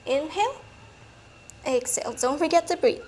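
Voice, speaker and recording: A woman leads an exercise session as a peppy, encouraging coach. Her voice is high and breathy with effort, giving short cues and explanations. There is some faint noise behind her. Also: lively intonation, normal speed. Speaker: fitness coach. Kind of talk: workout instruction.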